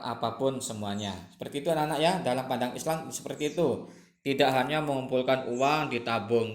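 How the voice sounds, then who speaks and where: A man's voice: mid-range voice, fairly bright tone. A middle-aged male religious studies teacher giving a recorded lesson, repeating himself and stressing the recitation examples for his students. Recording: echoey room.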